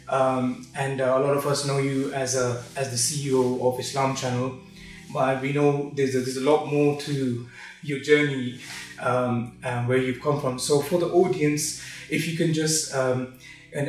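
A man hosting an interview, polite and deferential, with many fillers between his phrases. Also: medium pitch. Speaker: interview host. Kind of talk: hosted interview. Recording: distant mic in a very echoey room, faint music.

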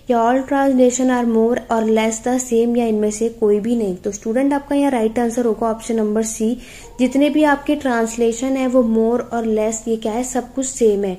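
A young woman teaching an exam-prep class, with a fairly high voice and a soft, mellow tone. She reads English passages aloud slowly and then explains each one patiently. She checks in with her students again and again. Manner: explains patiently, often checking with "theek hai".

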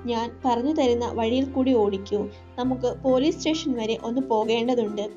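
A woman's voice: a little high, moderate pace, highs cut off, music in the background, close to an everyday voice. A woman voicing a pitiless male policeman who gives curt, sneering orders in a read-aloud story.

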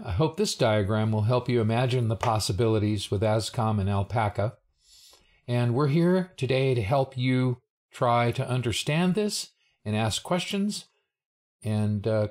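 A man's voice: mid-range voice, animated, normal speed, darkish tone. Older man giving a technical briefing. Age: older, 60s or above. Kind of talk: explanatory slide presentation narration.

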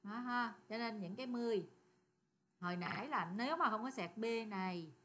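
A woman's voice: mid-range voice, normal speed, sharp tone. A woman teaching a programming lesson, chatty and often asking her students questions. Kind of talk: screen-recorded coding lesson.

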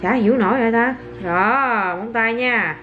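A woman's voice: fairly high pitch, measured pace, narrow, tinny audio. A woman, a mother filming her toddler in a casual home vlog, chatty and exclaiming as she coaxes the child.

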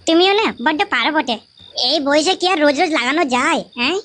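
A woman's voice: high-pitched, fast, a bit bright. A woman voicing a flirtatious, scheming mother-in-law of about thirty in an adult cartoon, sweet-talking and coaxing. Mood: impatient.

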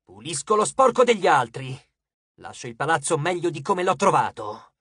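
A man voicing a gentle, weary male Titan of the West who works as a janitor, speaking in a low, calm, measured voice. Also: slightly rough, no room sound, clean studio sound, full character voice. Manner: slow, measured, quietly firm.

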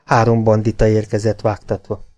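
A man's voice: fairly low pitch, completely flat delivery, darkish tone. A man narrating an audiobook with a dramatic storytelling read.

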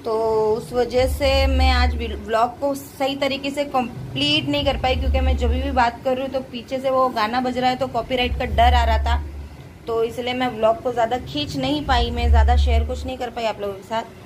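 A young woman from India giving a chatty, loud voice-over for her home family vlog. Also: fairly high pitch, steady tone, moderate pace, a little hiss or hum. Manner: talks loudly and chattily to viewers. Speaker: family vlogger. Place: at home, indoors.

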